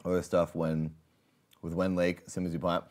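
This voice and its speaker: A man's voice: low-pitched, level tone, unhurried, a little mellow. A man casually chatting with his viewers while playing a game on a livestream, rambling and laughing often. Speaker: streamer.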